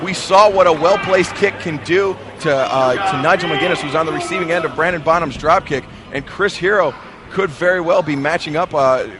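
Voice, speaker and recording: A man doing live play-by-play wrestling commentary, excitedly calling moves with exclamations and repetition. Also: on the high side, fairly quick. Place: wrestling event in an armory. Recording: loud crowd noise, echoing sports venue ambience. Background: loud crowd and venue noise.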